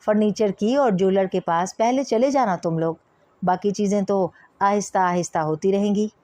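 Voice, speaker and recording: A woman's voice: medium pitch, moderate pace, warm tone, no echo, natural voice. A woman reading the lines of a stern, domineering father who lays down the law to his daughter. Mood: matter-of-fact. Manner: authoritative, commanding.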